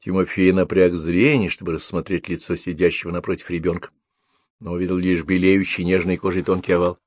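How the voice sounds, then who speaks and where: Guy reading an audiobook, lowish voice, dry close sound. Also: level tone, brisk, no echo. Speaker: narrator. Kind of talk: audiobook narration.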